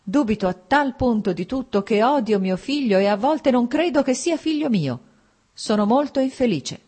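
A woman's voice: fairly high pitch, lively intonation, normal speed, a little mellow, slightly rough, pitched above the performer's own voice. A woman reading the part of a cold, formal husband in an audiobook, speaking in a restrained, clipped way. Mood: bitter. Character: cold, stiff, wounded older husband.

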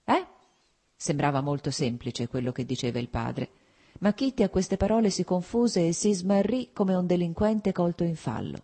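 A woman narrating a classic novel in a measured audiobook reading. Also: on the low side, animated, warm tone.

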